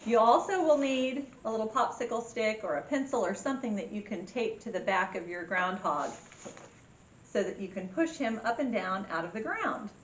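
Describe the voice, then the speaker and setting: A woman presenting a step-by-step craft tutorial for children, with simple instructions and a cheery children's-host way of talking. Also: a little high. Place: indoor room with echo. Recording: echoey room with faint background noise.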